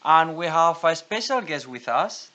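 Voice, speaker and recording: A man's voice: a little high, animated, unhurried, bright, forceful tone, dull audio. A man hosts a casual podcast, introducing guests and asking questions in a conversational way. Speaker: podcast host.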